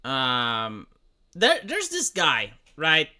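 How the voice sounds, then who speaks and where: Drawing out words with wildly swooping pitch, this Romanian streamer in their thirties rambles profanely to chat, constantly restarting. The mid-range voice sounds pushed and bright throughout the casual livestream commentary.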